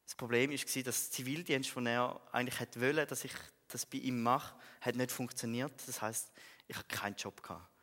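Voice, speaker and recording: A young man with a Swiss German accent giving an earnest church testimony, telling his story with soft chuckles and emphatic bursts. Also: medium pitch, fairly even intonation, normal speed, few pauses. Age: young adult. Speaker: speaker giving a personal testimony. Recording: long reverb of a large hall.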